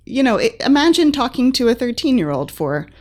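A woman's voice: a little high, big pitch swings, brisk, a little mellow. A young woman casually talking through a book she read, chatty and playful, laughing often. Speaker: podcast co-host reviewing books.

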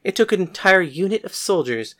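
A woman's voice: fairly low pitch, expressive, a little fast, fairly bright tone. A woman voicing a bold, frank young gunslinging woman in an audiobook, speaking in a blunt, matter-of-fact way. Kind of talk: audiobook character voice.

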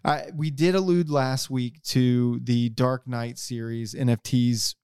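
A man's voice: medium pitch, fairly even intonation, a little slow, a little mellow, clear, resonant tone, dry recording, studio quality. A man hosting a collectors' podcast, joking and rambling in a casual chat. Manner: jokey, rambling, self-mocking. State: tired from no sleep. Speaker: podcast host.

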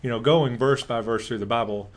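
A man's voice: medium pitch, a little fast. A man chatting casually as a pastor and co-host, given to joking, teasing asides. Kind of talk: casual conversation.

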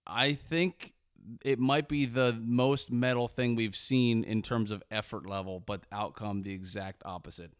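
Male podcast co-host, resonant and clean voice, playful and casual, mid pitch. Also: steady tone, a little slow, clean tone. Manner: playful storyteller, swears casually. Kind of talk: casual chat.

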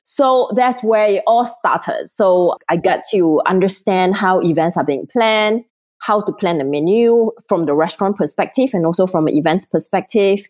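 A woman's voice: medium pitch, normal speed, darkish tone. A woman from Singapore, chatting as an interview guest while she has a cold, often laughing. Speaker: guest, event planner. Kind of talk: casual interview chat.

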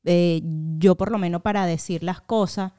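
A young woman with a Venezuelan accent, chatting on a podcast and spinning lively family anecdotes. Her voice is mellow and dark, with a smooth, clear tone. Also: lowish voice, moderate pace. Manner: animated storytelling, acting out family quotes. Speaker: podcast co-host. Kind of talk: casual chat.

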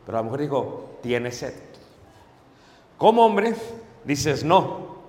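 A man preaching a sermon on marriage to a congregation, acting out husband and wife exchanges with lively voices and asking the audience to agree. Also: medium pitch, slow pace. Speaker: pastor. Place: church hall. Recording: echoey hall with long reverb.

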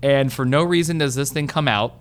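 A man co-hosting a podcast in casual chat, animated and swearing freely as he tells stories. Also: medium pitch, a little fast. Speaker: podcast co-host.

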